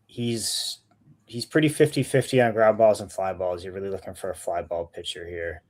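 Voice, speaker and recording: Low-voiced male co-host, casual, talks while checking numbers. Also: fairly even intonation, normal speed, a little mellow. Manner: thinking aloud, checks stats as he talks. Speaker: sports betting show co-host. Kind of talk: casual betting talk.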